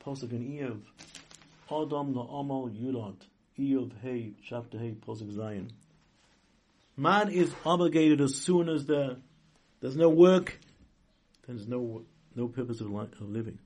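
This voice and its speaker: A man speaking as a rabbi in an informal sermon, halting and rephrasing as he goes, with emphatic stresses. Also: medium pitch, a little mellow, slightly rough. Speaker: rabbi giving a religious talk. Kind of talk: informal sermon, inspirational religious lesson.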